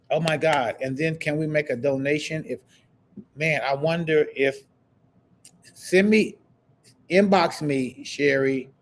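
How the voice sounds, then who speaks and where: A man with a lisp and a slight stutter hosts a live online talk show in a casual, motivational way, repeating phrases, exclaiming, and reading viewer comments aloud as he reacts. His voice is medium-pitched and darkish, with slight background noise.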